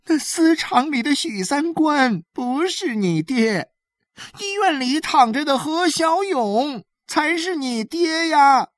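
A woman voicing a desperate village woman who begs and weeps, with drawn-out wailing pleas. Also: high voice, animated, no echo, studio quality, pitched above the performer's own voice. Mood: tearful pleading.

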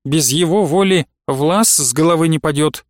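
Brief: male reader as a stately old abbess, slow and solemn, tender under restraint. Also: a little high, no room sound, studio quality, natural voice. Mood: solemn reasoning. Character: stern aging abbess, dignified yet loving.

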